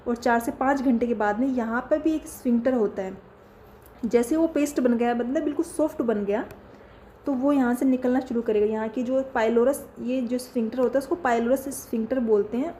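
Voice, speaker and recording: A woman's voice: a little high, fairly quick, dark tone, slight background noise. A woman teaching a lesson, who keeps asking questions and answering them herself. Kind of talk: classroom lesson.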